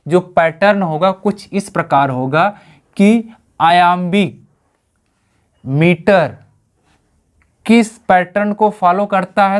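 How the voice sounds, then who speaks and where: A woman teaching as a lecturer for exam preparation, who asks her own questions and answers them, with many English terms mixed in. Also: lowish voice. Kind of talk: exam-prep lecture on poetic meter.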